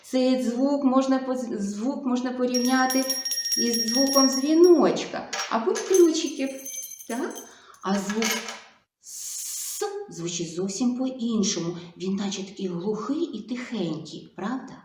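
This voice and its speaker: A woman speech therapist giving a video lesson to young children, slow and coaxing, full of sing-song diminutives. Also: on the high side, expressive, background noise. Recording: echoey room.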